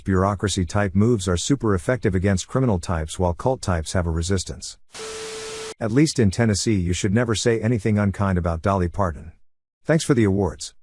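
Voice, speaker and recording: Narrating a compilation, a man reads online forum comments aloud in a steady, matter-of-fact manner. His voice sits fairly low, and there's no sense of a room around him.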